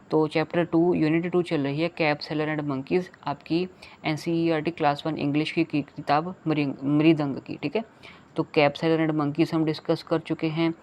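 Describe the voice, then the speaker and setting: A teacher giving a children's lesson, reading each English line of a poem slowly and explaining it in Hindi, checking in often with "okay". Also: mid-range voice, a little mellow.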